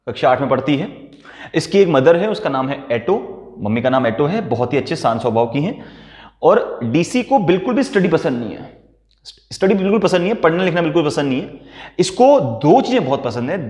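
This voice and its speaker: A man teaching a chemistry lesson by telling a story and acting out the characters' lines. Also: a little high. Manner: animated storyteller acting out dialogue. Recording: echoey room with long reverb.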